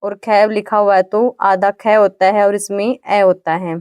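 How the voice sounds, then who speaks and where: A woman teaching an exam-prep grammar lesson, patiently repeating definitions and sounding out each letter slowly. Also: medium pitch, level tone, a little mellow, dry recording.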